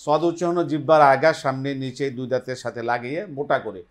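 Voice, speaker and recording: A man's voice: medium pitch, fast. A man with a Bengali accent hosting a televised Quran lesson, patiently modeling pronunciation and having the class repeat after him. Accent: Bangladeshi Bengali. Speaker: Quran recitation teacher and host. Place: television studio.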